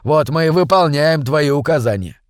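A man's voice: on the high side, lively intonation, normal speed, no room sound, clean studio sound, lightly acted. A man voicing a whiny, fearful small brother with a plaintive, complaining manner. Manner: whining, plaintive.

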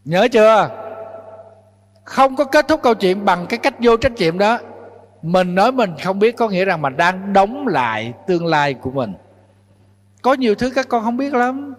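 A male Buddhist monk with a high voice preaches to his young followers, keeps throwing rhetorical questions at them and scolds them in a fatherly way. A long hall reverb trails after his words. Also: sing-song, normal speed. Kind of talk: dharma talk to young followers.

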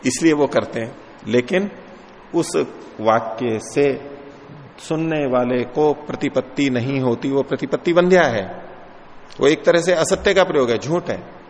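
A man's voice: mid-range voice, unhurried, a little mellow. A man giving a lecture on yoga scripture, explaining each term patiently and with many examples. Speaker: yoga philosophy teacher. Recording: long hall reverb with faint noise.

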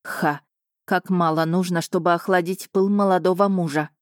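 Female audiobook narrator, low and measured, dry booth sound. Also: fairly even intonation, no echo. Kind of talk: first-person audiobook narration.

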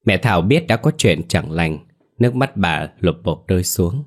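A man narrating a dramatic story in a steady, measured reading. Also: low voice. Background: faint music.

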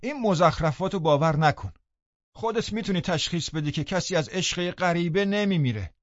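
A man's voice: high voice, expressive, a bit bright, no room sound, voice pushed up. A man voicing a protective middle-aged woman housekeeper in an audiobook, with a firm, scolding manner. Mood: indignant. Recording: dull studio audiobook recording.

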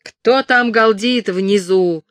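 A man's voice: high-pitched, steady tone, unhurried, no room sound. A woman voicing a grim male castle guard who calls down bleakly from a window. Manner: shouting down, bleak.

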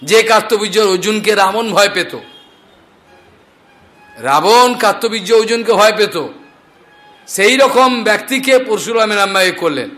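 A man telling scripture stories as a devotional preacher, animated and acting out the characters' speech. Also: sits high, measured pace, long pauses. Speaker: Bhagavata storyteller preacher.

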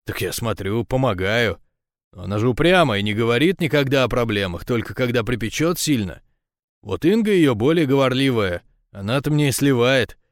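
A man's voice: medium pitch, animated, no echo, studio quality, close to an everyday voice. A man voicing a flustered nervous henchman. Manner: hurried, defensive, stammering. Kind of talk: audiobook dialogue.

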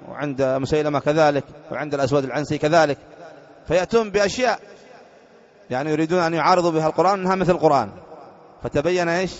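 A religious teacher from Yemen, explaining a creed text in a lecture and often posing rhetorical questions to his listeners before answering them. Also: a little high. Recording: dull lo-fi lecture recording.

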